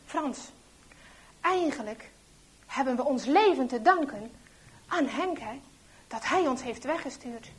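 A woman's voice: high-pitched, animated, unhurried, long pauses, breathy edge, exaggerated voice. A grieving, grateful strong young man, read by a woman.

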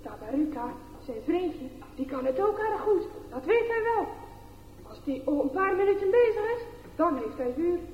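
A woman reading a children's story aloud in an expressive, animated way. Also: extremely high pitch, normal speed, slight background noise. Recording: echoey, dull lo-fi room recording.

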